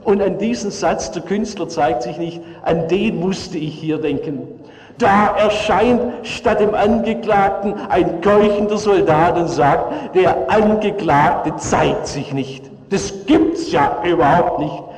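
A man's voice: high-pitched, lively intonation, a little slow, darkish tone. A man preaching a sermon, retelling a story vividly and acting out the voices of its characters. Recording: echoey church hall with long reverb.

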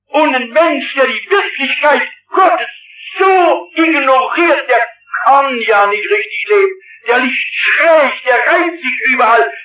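A man's voice: very high voice, sharp tone, lo-fi sound. A man preaching a sermon as a pastor, impassioned and often crying out, in an old distant hall recording. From partly Swabian. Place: large hall with audience.

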